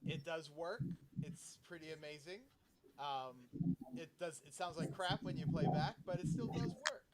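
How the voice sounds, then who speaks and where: A man hosting a casual group chat, animated and laughing often as he acts out quotes. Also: fairly high pitch, moderate pace, a loud crowd. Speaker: podcast host.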